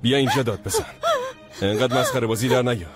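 A man's voice: mid-range voice, loud music behind the voice, lightly acted. A man playing a curt, bitter young man. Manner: curt, scornful. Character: cold, bitter young man rejecting his former love. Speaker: dubbing actor. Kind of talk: dubbed TV drama.

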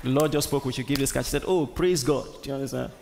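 A man's voice: medium pitch, quick pace, gravelly, crowd noise, background noise. A man with a Nigerian accent preaching a sermon as pastor, emphatic, repeating words and questioning the congregation. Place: large church hall. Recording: long church-hall reverb.

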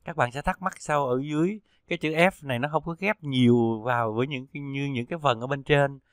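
A man teaching pronunciation, reading syllables one by one in a slow, deliberate drill. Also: medium pitch, clean tone, no echo, clean studio sound. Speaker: Chinese pinyin teacher.

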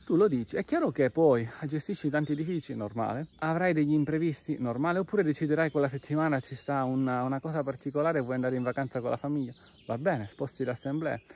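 A man's voice: mid-range voice, quick pace, few pauses, a little mellow. A man hosting a podcast, chatting casually while walking outdoors, quoting imagined listeners and a little out of breath. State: out of breath from climbing. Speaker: podcast host. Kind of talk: walking vlog talk. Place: outdoors on a trail by a cave.

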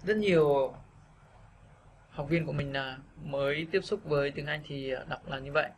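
A man's voice: fairly high pitch, slight background noise. Patient male teacher. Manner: patient, repeats words slowly for practice. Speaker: English pronunciation teacher. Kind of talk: video lesson.

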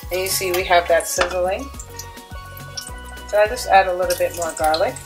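A woman's voice: lowish voice, moderate pace, soft background music. A woman filming a casual cook-along in her home kitchen, chatty and upbeat as she talks through each step. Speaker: cooking vlogger.

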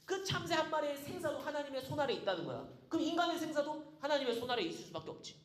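A man's voice: very high voice, racing. A male pastor giving a sermon lecture, talking informally and asking rhetorical questions. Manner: lively, asks rhetorical questions, informal speech to the congregation. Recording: echoey room.

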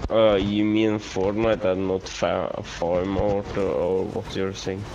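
A man's voice: low voice, flat delivery, slow pace, vocal fry, muffled recording. A man chatting casually as a player in improvised online game role-play. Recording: noisy game voice chat.

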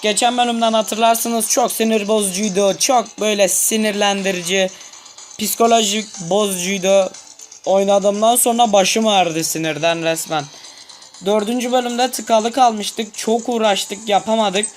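A man's voice: high-pitched, steady tone, unhurried, soft background music. A young man commenting on a game he is playing, muttering to himself, tense and easily frustrated. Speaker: gameplay commentator. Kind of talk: gameplay commentary.

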